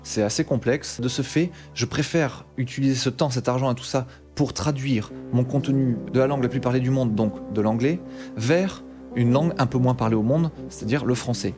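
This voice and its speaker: With soft background music behind him, a man from Bordeaux speaks casually to camera about tech on his YouTube channel. He is animated, slangy, and a bit exasperated, speaking at a medium pitch and moderate pace.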